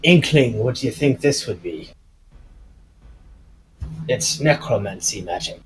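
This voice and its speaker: A man's voice: medium pitch, animated, takes it slowly, background noise. A man talking casually as a player in a tabletop role-playing game.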